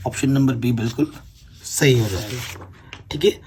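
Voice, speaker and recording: A man's voice: mid-range voice, moderate pace, darkish tone, slight background noise. A man teaching a board-exam maths lesson, working through problems step by step and often checking that the students follow. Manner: explains step by step, keeps checking with "theek hai na".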